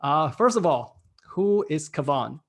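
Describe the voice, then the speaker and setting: Guy from hong kong teaching a workshop from home, gravelly voice, laughs a lot. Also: fairly high pitch, very animated, a little slow. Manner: casual, self-deprecating, laughs often. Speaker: workshop speaker. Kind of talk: online workshop presentation. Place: home room.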